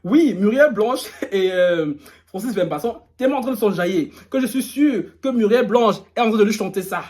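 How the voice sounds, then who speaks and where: High-voiced man dishing celebrity gossip. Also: lively intonation, normal speed, darkish tone. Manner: playful, teasing, laughs often; reads social media posts aloud and mocks them. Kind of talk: casual gossip commentary.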